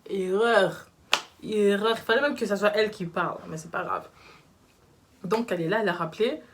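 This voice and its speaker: A young adult woman telling a story in casual storytime style, slangy and animated, acting out the people she quotes. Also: mid-range voice, moderate pace.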